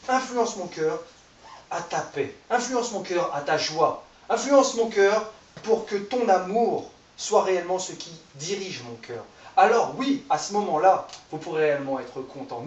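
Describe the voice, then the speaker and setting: A man's voice: on the high side, dull audio. A man in his thirties preaching an informal sermon, conversational and self-deprecating, joking with his listeners. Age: 30s. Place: church hall. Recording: echoey room, voice from far off the mic.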